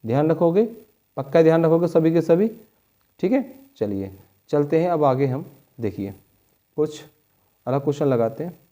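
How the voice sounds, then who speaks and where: A man with a somewhat high, dark-toned voice speaks animatedly at a normal pace, leaving long pauses. He's teaching a board-exam maths lesson, patiently walking through every step, often checking on his students and calling them children.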